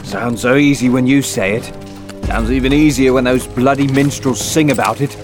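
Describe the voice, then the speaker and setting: A man's voice: medium pitch, steady tone, moderate pace, music in the background, natural voice. A man playing a young, sardonic, reluctant prince in an audio drama, with a wry, understated manner.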